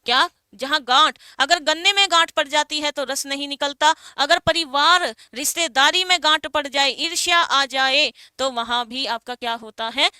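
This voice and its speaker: Woman, teacher, exam-prep lecture; high pitched, dry close sound, asks and answers her own questions. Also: normal speed, few pauses, pushed and bright, no echo. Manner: explains with rhetorical questions, calls students beta and bhai. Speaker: Hindi teacher.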